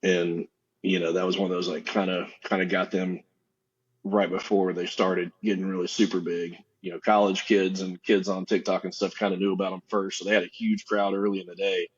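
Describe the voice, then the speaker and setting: Deep-voiced guy, kinda husky, laid back interview chat, dull lo-fi audio. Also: brisk. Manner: relaxed, easygoing, lots of "you know". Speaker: festival co-owner, guest.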